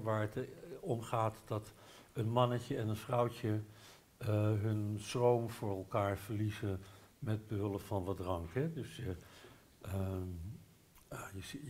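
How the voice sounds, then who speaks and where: An older man from the Netherlands with a Dutch accent, talking as a guest on a live bookshop stage. He tells an animated story on a headset mic, stopping to restart his sentences and hesitating often. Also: fairly low pitch. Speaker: guest author. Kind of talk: live literary café talk.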